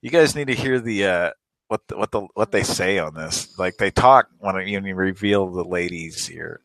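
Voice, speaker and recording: Deep voiced guy laughing a lot, crude rambly livestream chat. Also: normal speed, creaky, a bit bright, no echo, low-quality recording. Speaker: co-host. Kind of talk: casual chat on a live stream.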